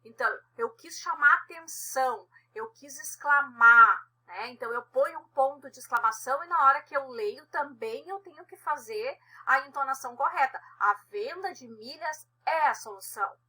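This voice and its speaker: A woman's voice: sits high, moderate pace, few pauses, pushed and bright. A woman teacher explaining a grammar lesson, checking in often with tag questions.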